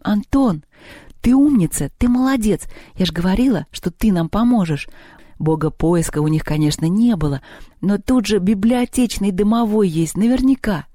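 A storyteller voicing a clever schoolgirl who gently coaxes and flatters a boy into helping. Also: mid-range voice, normal speed, dry recording, clean studio sound, pitched above the performer's own voice, close to an everyday voice. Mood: coaxing. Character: clever pleading schoolgirl, coaxing.

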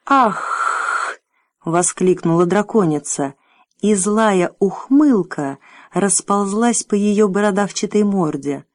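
A woman narrating a children's book in a measured, expressive storytelling manner. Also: mid-range voice, no room sound, clean studio sound. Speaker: audiobook narrator.

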